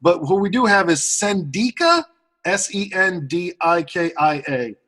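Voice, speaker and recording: A man's voice: high voice, sing-song, unhurried, a bit bright. A man cohosting a podcast, chatting casually and musing at length in a rambling way. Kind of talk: casual chat.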